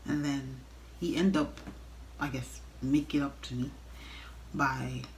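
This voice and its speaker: A young woman telling a casual, animated storytime rant, blunt and exasperated, swearing freely as she talks straight to viewers. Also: very deep voice, slow, a little hiss or hum, low-quality recording. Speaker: storytime vlogger.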